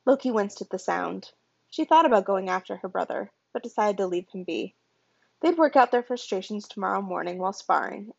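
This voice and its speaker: A woman reading a chapter of fan fiction aloud in a steady storytelling manner. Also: mid-range voice, vocal fry, dry recording. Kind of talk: audiobook-style story narration. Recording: dull lo-fi home recording.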